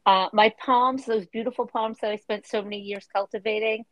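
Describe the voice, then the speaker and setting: A woman's voice: a little high, steady tone, fairly quick, fairly bright tone, dry recording, muffled recording. A woman from Florida hosting a casual podcast chat from a bedroom, talking in a chatty, emphatic way. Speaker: podcast host. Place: niece's bedroom.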